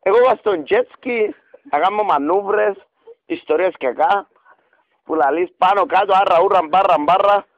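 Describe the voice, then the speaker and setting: A man's voice: sits high, gravelly, dry recording. A man with a Cypriot Greek accent making a radio prank phone call, pleading and rambling theatrically with cooing pet names. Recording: dull radio recording.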